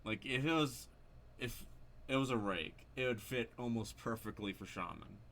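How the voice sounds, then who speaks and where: A video creator talks over a horror game in a mid-range, slightly bright, gravelly voice at normal speed. His commentary is casual and unscripted, hesitant and rambling as he thinks aloud, with slight background noise.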